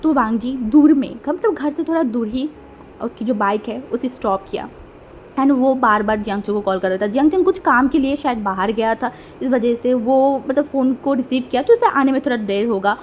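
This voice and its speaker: A woman's voice: a little high, normal speed, slight background noise. A young woman narrating fan fiction in a casual, chatty storytelling manner, with faint music behind her.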